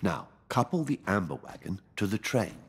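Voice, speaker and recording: Deep gravelly British soldier. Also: male voice, very animated, normal speed, exaggerated voice. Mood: jaunty, instructive. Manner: jaunty, colloquial British slang. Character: genial British World War II mission guide, dryly jaunty. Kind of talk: video game mission dialogue.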